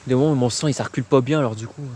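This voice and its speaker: A man talks casually into a handheld phone as he explores outdoors. His voice is dark and mellow, and he thinks aloud with frequent hesitations. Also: mid-range voice, very fast, a little hiss or hum. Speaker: urban explorer live-streaming. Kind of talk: live-stream exploration commentary. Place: outdoors at an abandoned industrial site.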